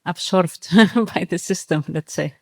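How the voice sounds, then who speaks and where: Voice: mid-range voice, unhurried, darkish tone. An earnest, discursive speaker on a discussion panel, talking at length. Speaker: panelist, startup and impact advocate.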